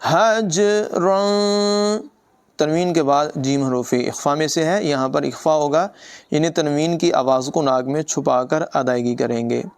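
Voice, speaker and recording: A man teaching tajweed, giving brisk explanations between slow, drawn-out melodic recitation. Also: on the high side, gravelly, a little mellow.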